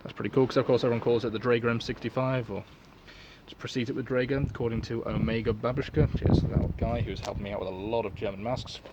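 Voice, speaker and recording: A man's voice: medium pitch, fairly even intonation, fast, muffled recording, noisy background. A man giving a casual, unscripted product review in a rambling, offhand, sweary way. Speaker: collector and reseller reviewing gas masks.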